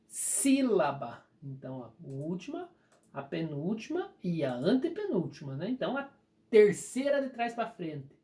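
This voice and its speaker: A teacher with a Brazilian Portuguese accent patiently explains a recorded grammar lesson, slowly stretching out the key words. Her voice is medium in pitch and warm, with huge pitch swings.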